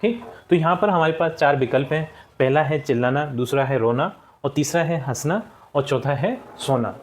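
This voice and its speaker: A man with a fairly high voice teaches a school lesson to young children. He talks patiently, checks in with them often and says words slowly a second time so they can follow. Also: a little hiss or hum. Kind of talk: school lesson, explaining textbook answers.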